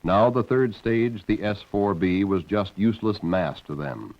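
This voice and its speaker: A man's voice: lowish voice, expressive, measured pace. A man reading scripted documentary narration as on an old film soundtrack. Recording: dull band-limited old film soundtrack.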